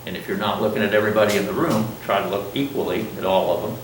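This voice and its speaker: Speaking very fast in a fairly low voice, an older man wearing a mask teaches a college lecture, chatting, posing questions to the class, and teasing himself. He's captured from across a roomy classroom with faint ambient noise.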